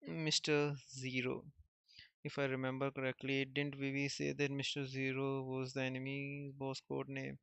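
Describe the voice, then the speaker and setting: Man reading a comic aloud in a flat voice. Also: mid-range voice, moderate pace, vocal fry, clean tone, no room sound, muffled recording. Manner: reads every character in the same plain voice, chuckling often. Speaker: manga reader. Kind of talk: casual read-aloud of a comic.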